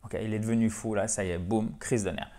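A French-speaking man with a French accent, teaching English in a chatty online lesson, explaining in French and saying English examples slowly. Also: lowish voice, fairly even intonation, dark tone.

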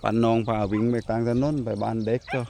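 A man's voice: lowish voice, level tone, quick pace, gravelly, warm tone, slight background noise. A man vlogging at home, talking politely to his viewers and sharply scolding his disobedient dog. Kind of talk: casual vlog chat.

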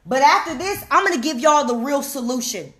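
A woman's voice: high-pitched, animated, a bit bright. A woman coaching viewers on money in a fired-up rant, emphatic and preachy, repeating her points and calling out to the audience. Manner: emphatic and preachy, repeats lines slowly, calls out "hello?". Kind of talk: fired-up direct-to-camera rant.

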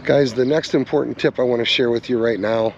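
A man's voice: medium pitch, fairly even intonation, brisk, vocal fry, lo-fi sound, a little hiss or hum. A man hosting an outdoor fishing report, giving tips in a folksy, instructive way and calling his viewers "guys.". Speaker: fishing channel host. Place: outdoors on or by the river.

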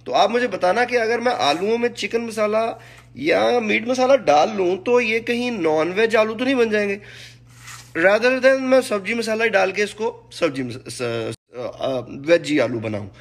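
A young man hosting a casual cooking vlog, slightly hoarse, chatty and joking, mixing English words into his talk. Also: sits high, measured pace. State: slightly hoarse from singing practice. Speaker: cooking vlogger.

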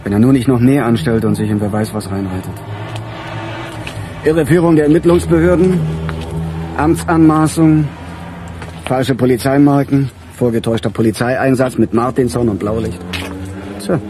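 A male actor with a medium-pitched voice plays a weary middle-aged police chief in a radio crime drama. His lightly acted performance is dry, musing, and sardonic, with a resigned mood.

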